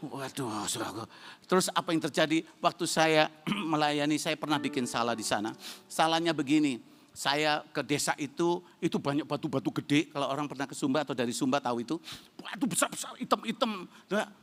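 A male pastor, telling stories in a dramatic sermon with sudden shouting bursts. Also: a little high, animated, brisk. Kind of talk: sermon with storytelling. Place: church service.

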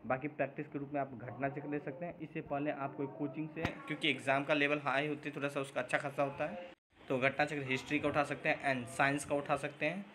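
A man's voice: on the high side, flat delivery. Guy reading out viewer comments on his channel and answering, lots of umms and restarts, bit of background hiss. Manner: rambling, many filler sounds and restarts, mixes English words into Hindi; admits he sometimes talks too fast. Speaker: job-update channel host.

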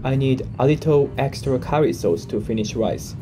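A man's voice: mid-range voice, moderate pace, over music. A young Japanese man with a Japanese accent, hosting a casual food vlog and explaining things plainly in simple English as a non-native speaker. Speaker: vlog host.

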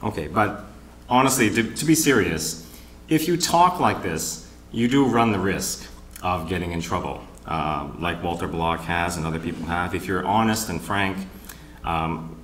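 A man moderating a panel at a conference, opening with wry, teasing jokes and pausing for laughs. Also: low-pitched, fairly bright tone, echoey room, a little hiss or hum. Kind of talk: joking conference emcee remarks. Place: conference hall with live audience.

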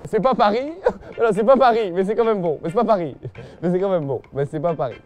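Humoriste insolent à la voix aiguë. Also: male voice, high-pitched, fast talker, loud music behind the voice. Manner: crude, insulting, provocative. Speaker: comedian. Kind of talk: comedy sketch.

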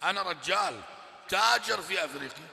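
A man's voice: high-pitched, a little fast, gravelly, bright, forceful tone, pitched above the performer's own voice, full character voice. A man voicing a pleading African merchant who begs for money, his tone raised and imploring, in a reverberant hall. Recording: long reverb in a large hall.

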